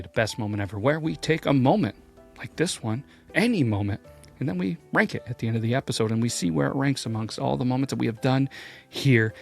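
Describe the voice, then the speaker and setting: A man hosting a sports ranking show, telling the story with jokey asides and rising excitement. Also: creaky. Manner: animated, jokey, pitch swings when excited. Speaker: host. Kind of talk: energetic sports commentary.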